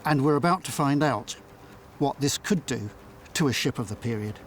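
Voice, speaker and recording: A man's voice: mid-range voice, lively intonation, normal speed. A man presenting and explaining as an expert in a documentary.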